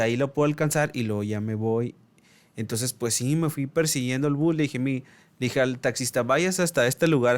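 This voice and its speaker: Un hombre joven de México con acento del norte de México, contando animado una anécdota personal en un pódcast, imitando los diálogos. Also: male voice, medium pitch, smooth. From Mexico. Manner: animated storyteller acting out dialogue. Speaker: podcast co-host. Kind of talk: casual storytelling.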